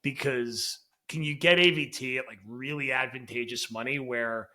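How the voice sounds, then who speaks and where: Male podcast co-host, bright tense tone, animated fan chatter. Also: medium pitch, moderate pace. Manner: animated, exasperated fan talk. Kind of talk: casual sports podcast chat.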